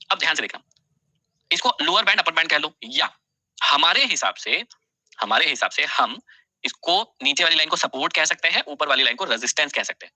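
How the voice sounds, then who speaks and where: A man's voice: a little high, sharp tone, no echo. A man teaching a live online class, repeating key phrases for students to write down and talking to them directly, scolding and then reassuring.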